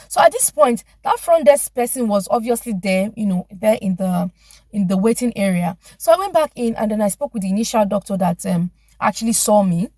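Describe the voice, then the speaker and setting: Nigerian-accented woman, story-time vlogger: emphatic, exclamatory, slightly high, dry close sound. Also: dry recording. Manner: animated and emphatic, with exclamations and many restarts.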